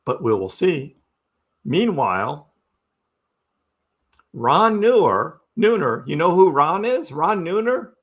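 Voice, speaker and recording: A man's voice: a little high, very animated, takes it slowly, pauses often. A man hosting a live crypto stream, giving casual chart commentary and asking his audience rhetorical questions. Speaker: crypto livestream host.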